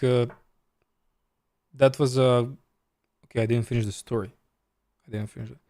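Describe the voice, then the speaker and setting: A Serbian chess streamer and coach with a Serbian accent speaks in a medium-pitched, slightly mellow voice, recorded dry at studio quality. In casual live-stream commentary, he chats, reads viewers' questions aloud and answers them while he plays.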